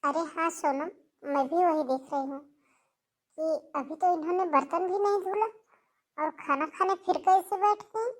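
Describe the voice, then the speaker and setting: A woman's voice: very high voice, normal speed. A woman voicing a cruel, bossy eldest sister-in-law in a cartoon, speaking in a harsh, commanding way. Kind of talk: cartoon voice acting.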